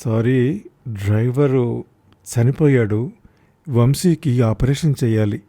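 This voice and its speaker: A man voicing a hospital doctor in a measured, plain delivery. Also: mid-range voice, warm tone. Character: calm hospital doctor, grown man, matter-of-fact.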